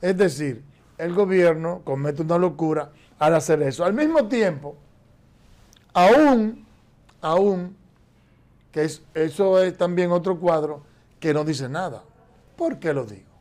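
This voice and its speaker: Animated but unhurried, with long pauses, the man speaks in a somewhat high, darkish voice. Sitting in a TV studio chair, he offers emphatic economic commentary as political analysis on a news show, constantly gesturing as he explains.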